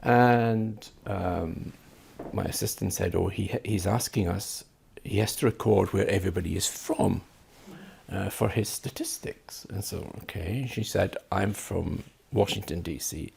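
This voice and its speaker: Gravelly, raspy man from Scotland. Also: low-pitched, measured pace. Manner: lively, animated storyteller. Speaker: guest. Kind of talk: anecdote in conversation.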